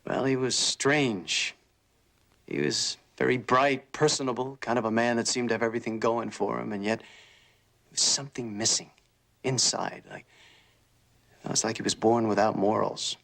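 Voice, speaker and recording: An actor playing a matter-of-fact military major giving information in a television crime drama. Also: male voice, mid-range voice, steady tone, moderate pace, gravelly, fairly bright tone. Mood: measured, certain.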